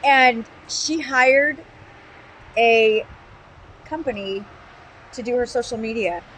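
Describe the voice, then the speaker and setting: A middle-aged woman co-hosting a podcast in casual chat, full of quick teasing jokes. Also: on the high side, a bit bright, a little hiss or hum, poor audio. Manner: joking, quick teasing asides. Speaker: podcast co-host.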